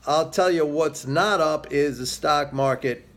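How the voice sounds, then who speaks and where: A man's voice: fairly high pitch, a little slow, a bit bright, a little hiss or hum. A middle-aged man giving solo market commentary to camera, emphatic and sarcastic, with frequent filler sounds. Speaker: video host.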